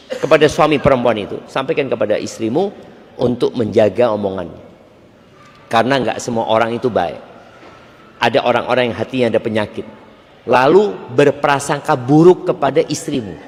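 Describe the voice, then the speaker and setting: A man's voice: medium pitch, lively intonation, moderate pace, long pauses, big-room sound. A male preacher giving a religious lecture and answering audience questions, in a conversational way with joking asides.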